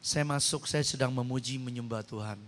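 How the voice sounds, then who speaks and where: A man preaching a sermon, telling stories animatedly with sudden high-pitched exclamations into a handheld microphone. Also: a little fast. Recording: long hall reverb.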